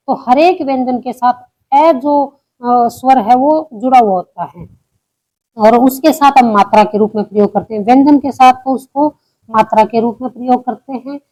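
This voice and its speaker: A woman's voice: fairly high pitch, darkish tone, rough recording. A woman teaching a grammar lesson step by step, asking questions and answering them herself.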